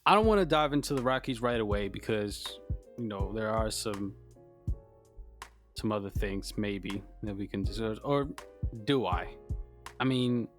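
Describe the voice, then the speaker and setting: A man's voice: on the low side, lively intonation, unhurried, pauses often, faint music behind. A man co-hosting a podcast, talking casually with slang and teasing his co-host in a mock-dejected way. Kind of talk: casual sports chat.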